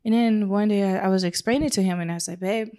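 A woman's voice: medium pitch, fast, mellow. Chatty woman telling emotional stories. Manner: chatty, emotional storytelling with quoted asides and laughs. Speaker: wedding photographer guest. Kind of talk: casual interview. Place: her photography studio.

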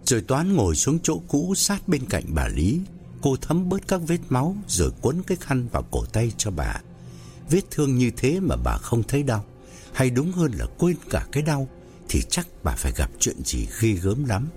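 Guy reading a ghost story slow and steady, voice swings up and down a lot. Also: mid-range voice, soft background music. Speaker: narrator.

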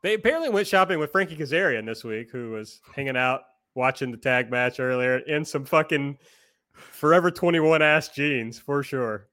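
A man's voice: medium pitch, expressive, normal speed, sharp tone. A man hosting a podcast in casual chat, recapping a show with sarcastic jokes. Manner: sarcastic, joking. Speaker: podcast host.

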